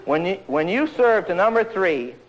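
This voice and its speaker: A man giving an energetic tennis lesson, joking and acting out players' voices. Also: sits high, normal speed, poor audio. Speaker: tennis coach. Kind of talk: energetic tennis instruction talk.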